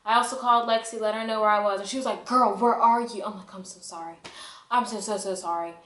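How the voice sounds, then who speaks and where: In a roomy, echoey recording, a young woman speaks quickly in a steady, mid-range and fairly bright voice. She's telling a personal story to camera in a casual vlog, delivering it dramatically, emphatically and with self-mocking humor.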